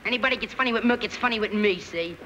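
A man's voice: high voice, very fast, sharp tone, low-quality recording. A young male actor playing a cocky teenage street gang leader with a New York accent in 1930s film style. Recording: old film soundtrack, faint noise.

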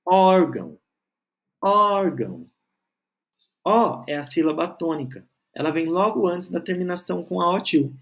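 A man with a high, gravelly voice teaches grammar patiently, spelling out syllables slowly. He keeps checking in with the learner, often asking "tá?" and "certo?"

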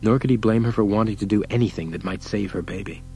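A man narrating an audiobook in a steady, measured reading. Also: fairly low pitch, gravelly, slight background noise, low-quality recording. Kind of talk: scripted narration.

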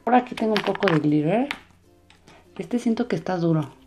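A woman casually narrating a hands-on craft demonstration for a children's channel in a relaxed, soft-spoken way. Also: medium pitch, normal speed, faint music behind. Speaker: host of a children's slime and makeup channel.

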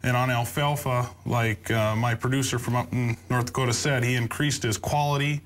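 A man in his thirties with an American accent, explaining haltingly as a crop adviser on a panel. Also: mid-range voice, fairly even intonation, a bit bright. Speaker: crop adviser, sales manager. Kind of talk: informal expert panel talk. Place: TV studio panel desk.

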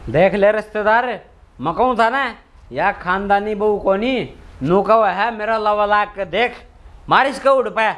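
A man plays a town drunk of a son-in-law in a village comedy. His high-pitched voice has a Haryanvi accent, and he rambles on with stubborn, boastful swagger, picking arguments brazenly. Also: unhurried, fairly bright tone. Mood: belligerent. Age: young adult. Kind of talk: Haryanvi comedy skit acting. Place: open concrete house courtyard, outdoors.

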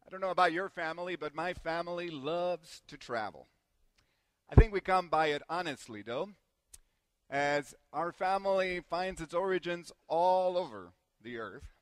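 Man, from Guatemala, sermon, storytelling, gentle humor, fairly high voice, dry close sound. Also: expressive, moderate pace, no room sound. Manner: warm anecdotal storytelling with gentle self-deprecating humor. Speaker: preacher.

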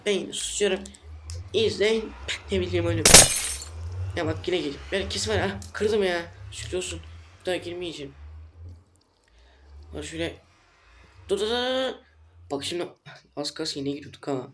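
A man's voice: high-pitched, moderate pace, pauses often. Exasperated man narrating his gameplay. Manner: exasperated, swings between grumbling and loud outbursts. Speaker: gameplay streamer. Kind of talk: casual gameplay commentary.

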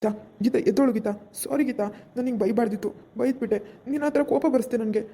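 A woman's voice: fairly high pitch, background noise, lightly acted. A woman playing a young village husband who scolds his wife, then coaxes her to get up, in a comic village skit. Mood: coaxing. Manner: brisk, scolding, then coaxing.

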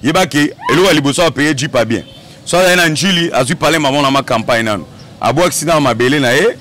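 A man's voice: on the high side, fast talker, fairly bright tone, slight background noise. A young man answering as a guest in an outdoor interview on a handheld mic, emphatic and full of repetitions. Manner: emphatic, repetitive, hesitant fillers. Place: outdoor courtyard set.

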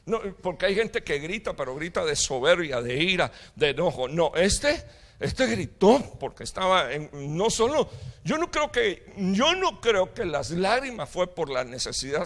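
A middle-aged man preaching a sermon as pastor, with impassioned preaching, sudden loud outbursts and jokes with the congregation. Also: a little high. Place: church hall.

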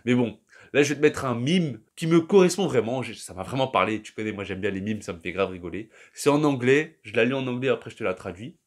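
Speaking fast in a mid-range voice, this young man rambles on to his viewers in slangy, casual talk, calling the listener "tu." As a vlogger, he lets his sentences trail off often over the long monologue.

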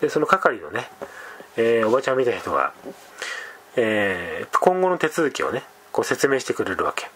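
A man's voice: medium pitch, sing-song, normal speed, fairly bright tone, a little hiss or hum. A man telling a scary story in a casual, rambling way, with conversational asides. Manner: rambling, many fillers and restarts, conversational asides.

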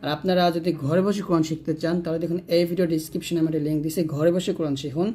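A man teaching Quran reading, spelling out each letter and vowel mark slowly, then joining them and pointing out common mistakes. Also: a little high, fairly even intonation, dark tone. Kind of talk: slow syllable-by-syllable spelling lesson.

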